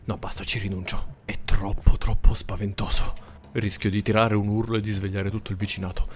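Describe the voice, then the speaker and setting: A man's voice: fairly low pitch, flat delivery, fairly quick. Jumpy Italian-speaking gamer guy. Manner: jumpy, frightened, repeating words in panic; talks to the monsters and viewers. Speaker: gaming YouTuber. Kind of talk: late-night gameplay commentary. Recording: keyboard clicks and background noise.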